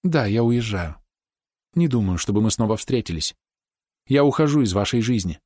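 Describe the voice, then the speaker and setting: A man reading an audiobook who voices a frightened young woman, pleading in an urgent, hushed manner. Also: lowish voice, animated, moderate pace, no echo, studio quality. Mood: earnest imploring.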